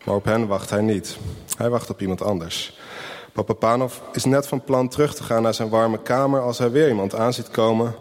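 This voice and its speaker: A man reading a children's Christmas story aloud in a gentle, unhurried way, giving the people in it their own voices. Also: mid-range voice, big-room sound. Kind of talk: storybook narration with character voices.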